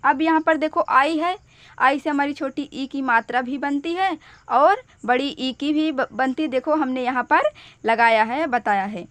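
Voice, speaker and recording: A woman teaching spelling step by step, patient and repeating each point slowly. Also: sits high, a bit bright, no echo.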